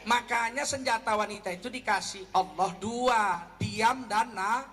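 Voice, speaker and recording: A man from North Sumatra giving a humorous Islamic lecture, animated and acting out everyday quarrels. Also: high-pitched, unhurried, big-room sound. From North Sumatra, Indonesia. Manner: animated, acts out quarrels in a raised voice. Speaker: Islamic preacher.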